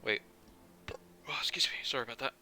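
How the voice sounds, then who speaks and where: A man's voice: medium pitch, brisk, sharp tone, whispered. A young man streaming a game live, chatting casually and rambling, with the odd swear. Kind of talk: casual live gameplay commentary.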